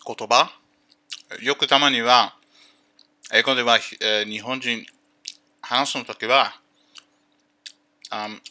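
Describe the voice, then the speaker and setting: A man chatting casually on a livestream, greeting viewers and explaining things haltingly with many fillers. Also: medium pitch, pushed and bright. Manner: greets chat viewers by name.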